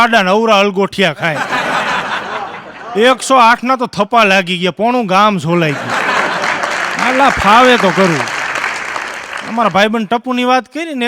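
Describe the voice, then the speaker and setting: A man telling jokes in live stand-up, a lively storyteller who acts out the characters on a stage before an audience. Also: sits high, big-room sound. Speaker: stand-up comedian.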